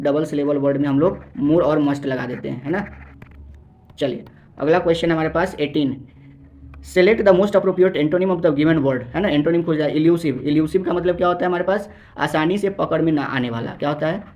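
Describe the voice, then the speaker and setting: A man teaching an exam-prep English lesson, asking the viewer questions and answering them, reading English sentences out slowly. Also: a little high, a little mellow. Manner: repeats key words as questions to the viewer.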